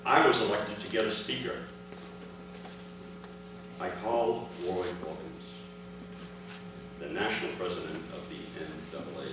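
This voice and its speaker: A man whose voice sits low recites his father's first-person memoir to a gathered audience, keeping a measured public cadence of brief, separate phrases. Recorded from far off in a large echoey hall at a commemoration, the audio carries clear background noise.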